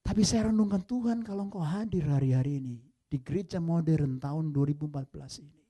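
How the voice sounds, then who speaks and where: A male pastor preaching a sermon, swinging from loud emphatic peaks to soft low asides and mixing in English phrases. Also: fast. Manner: lively preaching, mixing English phrases, addresses listeners as brothers and sisters.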